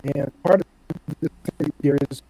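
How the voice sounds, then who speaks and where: A man's voice breaks up through a failing mic that cuts in and out, leaving him muffled, as if he were underwater. He is hosting a casual gaming panel over a video call and talks haltingly while reading an article. His voice is dark, dry and close. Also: a little high, no echo. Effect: faulty mic cutting in and out, muffled and underwater-sounding. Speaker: host of a gaming news panel stream.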